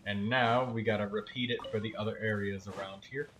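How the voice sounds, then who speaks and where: A livestream game host helps another player with casual, instructive commentary in colloquial language. He speaks briskly in a lowish voice with fairly even intonation, and there is background noise.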